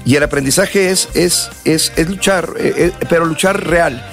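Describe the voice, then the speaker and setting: A man's voice: fairly high pitch, a little slow, faint music behind. A man with a Mexican accent, a singer from the north of the country and South Texas, chatting as a guest in a casual interview, loose and slangy, hungover and tired. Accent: Mexican Spanish. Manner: relaxed, slangy, rambling with many restarts.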